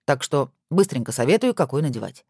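A woman's voice: rumbling low, big pitch swings, brisk, a little mellow, husky, no room sound, full character voice. A woman voicing a teasing, self-important rich husband on the phone, with dry mock-pompous humor.

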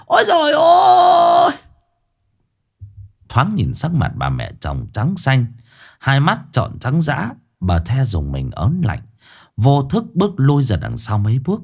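A man's voice: mid-range voice, wildly swooping pitch, a little slow, creaky, dark tone. A man narrating a ghost story with a dramatic, varied delivery.

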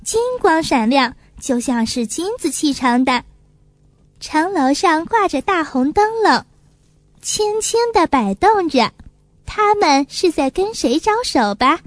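A woman narrating a children's story in a clear, expressive storytelling manner. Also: sits high, no echo.

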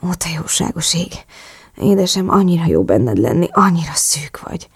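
A tender young man murmurs to his lover in a hushed, breathy whisper, as a woman reading an audiobook puts him on. His coaxing words come low and close, in a whispered role-play with a dry, dark tone. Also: fairly even intonation, no echo, heavily acted. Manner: gentle and coaxing.

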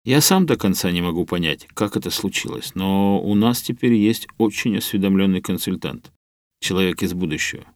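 A calm and kindly older professor in an audiobook, as a male narrator voices him. His speech is measured and explanatory, gentle rather than sharp. The sound is close and dry. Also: deep voice, dry recording.

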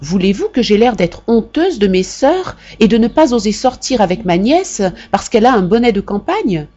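A woman reading aloud and voicing a domineering middle-aged mother who scolds in a shrill, indignant way, on a dull lo-fi recording. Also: sing-song, moderate pace, mellow.

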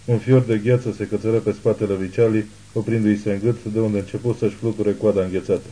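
Dark-voiced male audiobook narrator. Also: fairly low pitch, flat delivery, rough recording.

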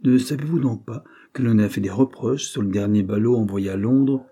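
An earnest, dutiful young clerk, put on by a man narrating, explaining patiently but firmly. The tone sits somewhat above the reader's low, mellow, husky voice. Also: normal speed.

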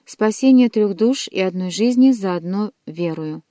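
A woman's voice: mid-range voice, lively intonation, measured pace, dark tone, no echo, studio quality, close to an everyday voice. A woman reading aloud and voicing a cruel young nobleman who mocks and threatens his victims. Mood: menacing. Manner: mocking, cold and threatening.

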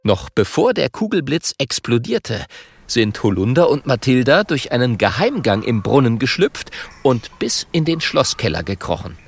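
A narrator reading a children's story aloud in an expressive storytelling manner. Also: medium pitch, moderate pace, breathy edge. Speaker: audiobook narrator.

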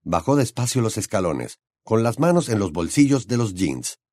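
Lively low-voiced male audiobook narrator. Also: moderate pace, no room sound.

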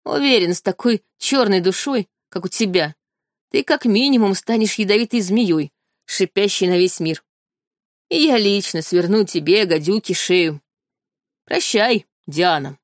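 A woman's voice: mid-range voice, measured pace, dry recording, studio quality, lightly acted. A woman voicing an angry young nobleman who turns on his sister with spite and scorn, in a read-aloud story. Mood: menacing. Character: furious young nobleman, hateful, menacing brother.

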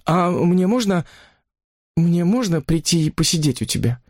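A man narrates an audiobook story, voicing a desperate, lovesick married woman who pleads and reproaches. He pitches his natural voice a bit higher than usual, landing a little high and somewhat mellow, at a moderate pace. The recording is dry and studio quality.

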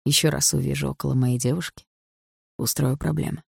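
A woman voicing a confident young man who speaks calmly and with threat. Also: a bass voice, a little fast, creaky, husky, no echo, studio quality, exaggerated voice. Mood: threatening. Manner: calm, threatening.

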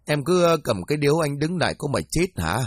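A henpecked young drunkard husband, put on by a man reading, who pleads in a high, whiny voice. The sound is dry and up close. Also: big pitch swings, fast, no echo. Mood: pleading.

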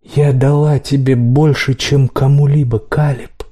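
Male reader voicing a wounded defiant young heroine, husky tone, pleading outbursts. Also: medium pitch, measured pace, darkish tone. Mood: desperate. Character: hurt, defiant young woman in love.

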